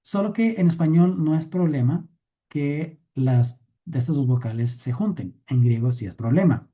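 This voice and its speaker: A man teaching Greek grammar in a recorded lesson. He explains step by step, thinks aloud with fillers and corrections, and often checks in with a quick question. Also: fairly high pitch, animated, dark tone.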